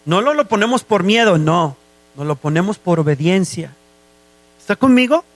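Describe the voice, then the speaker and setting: A man's voice: high voice, expressive, normal speed, no room sound. A man with a Mexican accent preaching a sermon as a guest, who often checks whether listeners follow him.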